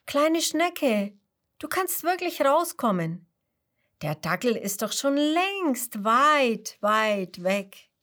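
A woman's voice: high-pitched, big pitch swings, extremely slow, a bit bright, voice pushed up, exaggerated voice. A woman voicing a friendly coaxing bee.

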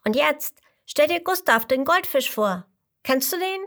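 A woman voicing a tiny, boastful male mosquito in a storybook read-aloud, talking eagerly and loudly. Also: high-pitched, expressive, a little slow, pitched above the performer's own voice, heavily acted. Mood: excited. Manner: eager, loud, show-offy. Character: small boastful male mosquito, excited chatterbox.

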